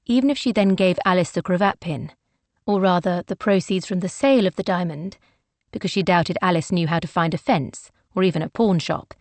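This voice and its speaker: A woman reading a romance novel aloud in a measured, gentle manner. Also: fairly low pitch, no echo. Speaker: audiobook narrator. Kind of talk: scripted narration.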